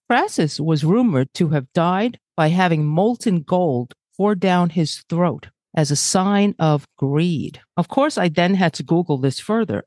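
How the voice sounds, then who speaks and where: A middle-aged woman co-hosting a podcast, chatting casually and reading out research with quick self-mocking asides. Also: on the low side, darkish tone, no room sound, studio quality. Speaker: podcast co-host.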